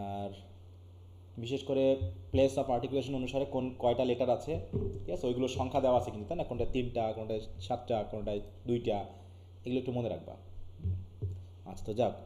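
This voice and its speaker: A man's voice: mid-range voice, dark tone, roomy sound. A man with a Bangladeshi Bengali accent teaching an online English class, often asking his students questions. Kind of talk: live online class lecture.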